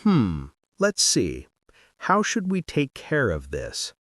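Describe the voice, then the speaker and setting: A man voicing a confident, seductive noblewoman who coaxes softly and gives orders. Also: mid-range voice, wildly swooping pitch, takes it slowly, dry recording, studio quality, exaggerated voice. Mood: soothing.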